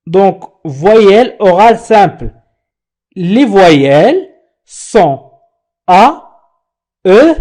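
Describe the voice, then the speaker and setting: Male teacher, very slow syllable-by-syllable delivery, animated intonation. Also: sits high. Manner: spells out letters and syllables slowly. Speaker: French teacher. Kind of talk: slow pronunciation lesson.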